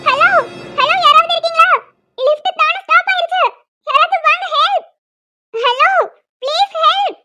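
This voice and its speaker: A frightened young woman trapped in a lift, voiced by a woman in a cartoon calls for help in a very high, thin, squeaky voice. She pleads and cries out, her voice climbing as she begs. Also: moderate pace, pushed and bright. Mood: panicked. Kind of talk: cartoon voice acting.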